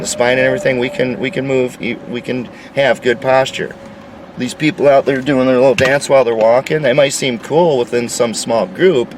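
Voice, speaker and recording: A man's voice: medium pitch, far from the mic, slight background noise, rough recording. A man delivering an insistent, lecturing opinion monologue. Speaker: commentator.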